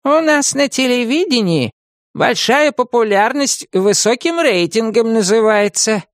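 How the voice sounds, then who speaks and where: A man's voice: very high-pitched, lively intonation, a little slow, no room sound, clean studio sound, pitched above the performer's own voice. A man voicing a wry, strict ghost grandmother, over sixty, in a storybook reading. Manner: wry, stern, schoolmarmish.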